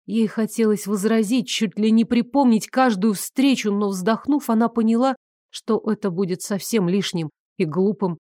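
A woman reading a romance novel aloud in a steady storytelling manner. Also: mid-range voice, normal speed, no echo, clean studio sound. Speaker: audiobook narrator. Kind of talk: scripted narration of a romance novel.

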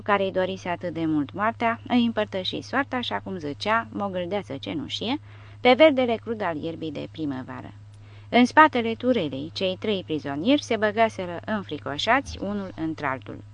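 A woman's voice: fairly low pitch, gravelly. A woman narrating an audiobook, reading expressively and voicing the dialogue. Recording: dull, dry lo-fi recording.

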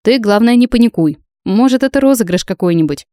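A woman reading an audiobook, voicing a brash, teasing young female friend who talks loud and breezy. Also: on the high side, lively intonation, a little fast, dry recording, clean studio sound, voice pushed up, close to an everyday voice.

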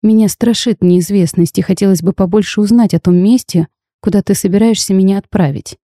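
A woman reading the lines of a bold, sharp-tongued young half-fairy bride in a storybook tale, lively and teasing in tone. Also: mid-range voice, fairly quick, no echo, studio quality, natural voice. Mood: spirited.

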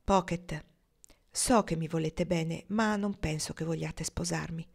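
A woman reading the part of an independent young woman card dealer, speaking softly and with restraint. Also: low-pitched, fairly even intonation, measured pace, gravelly, breathy edge, exaggerated voice. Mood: tender. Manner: soft, restrained.

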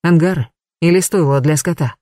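Steady dramatic audiobook reader. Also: mid-range voice, fairly quick, no echo, clean studio sound. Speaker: audiobook narrator. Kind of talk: scripted narration.

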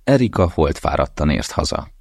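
Very deep-voiced male audiobook narrator. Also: very animated, a little mellow, breathy edge, no room sound, studio quality. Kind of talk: scripted narration.

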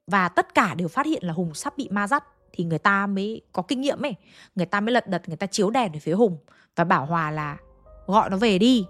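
A woman tells a ghost tale at a middle pitch, speeding up and slowing down as the story tightens. Faint music plays softly behind her voice. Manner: lively, shifting pace and loudness for suspense. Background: faint background music.

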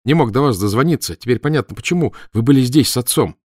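A man's voice: medium pitch, animated, fast, a little mellow, slightly rough, no echo, studio quality, pitched above the performer's own voice. A man voicing an eager, anxious young male scholar who speaks urgently. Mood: elated.

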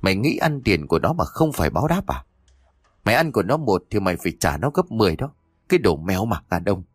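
A man's voice: fairly low pitch, sing-song, a little fast, slightly rough, no room sound, studio quality. A man voicing a jealous, abusive husband who scolds his wife with harsh insults in a storybook horror tale. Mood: enraged.

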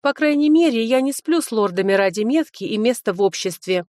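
A woman's voice: fairly high pitch, expressive, a little fast, darkish tone, no echo, clean studio sound, pitched above the performer's own voice, close to an everyday voice. A woman reading an audiobook, voicing a sly, self-serving young man, a former fiancé. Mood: mocking.

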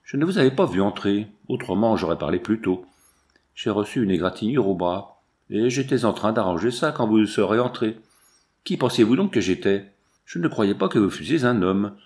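A man voicing a jovial old male mountain trapper with a gruff, folksy, cackling manner. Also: fairly low pitch, expressive, moderate pace, a little mellow, lightly acted. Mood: amused.

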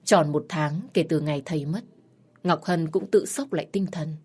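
A woman reads a sad story aloud in a somber, emotional way. Her voice is husky and sits slightly low. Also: normal speed, darkish tone. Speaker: narrator. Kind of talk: scripted story narration.

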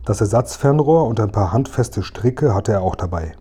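Low-voiced male storyteller. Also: expressive, normal speed, warm tone, slightly rough. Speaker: narrator. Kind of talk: audiobook reading of a children's book.

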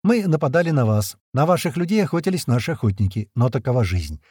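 A man reading the part of a calm, composed colonel from another world, speaking in a measured, persuasive way. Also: mid-range voice, breathy edge, no room sound, studio quality. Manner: measured, persuasive, level-headed.

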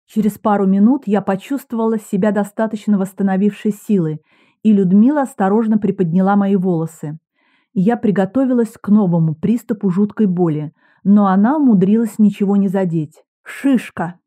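A woman reads a detective story aloud in the first person, with measured pacing and a dry, wry edge. Her voice is mellow and warm rather than bright. It sounds like steady, scripted audiobook narration. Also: medium pitch.

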